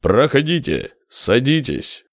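A man voicing a weary, sleepless prince who speaks slowly and with authority in a tired voice. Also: medium pitch, sing-song, no room sound, studio quality. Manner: slow, measured, authoritative. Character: weary, sleepless middle-aged male prince.

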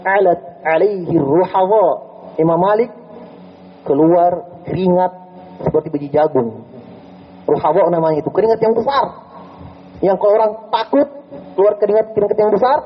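Male religious teacher, high voice, animated storytelling lecture, dull lo-fi recording with faint hiss. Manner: animated storytelling, checks with "ya?" and "jelas?". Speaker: Islamic teacher giving a study lecture. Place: prayer room.

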